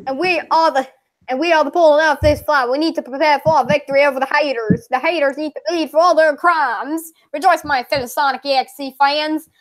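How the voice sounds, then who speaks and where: A woman voicing a furious, pompous internet story author, in a put-on Southern accent and a grandiose, drawn-out rant. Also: high voice, voice pushed up, lightly acted. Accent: put-on American Southern. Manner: ranting, grandiose, slow and drawn out. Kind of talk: dramatic reading of a forum post.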